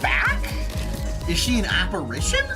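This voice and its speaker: A woman livestreaming games in casual chat, with a playful, dramatic, expressive gamer manner. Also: lowish voice, unhurried, over music.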